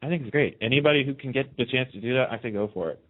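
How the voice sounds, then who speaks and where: A radio host, now the one being interviewed, chats casually and tells stories, repeating phrases for emphasis. His mid-range voice races along, and the sound is phone quality.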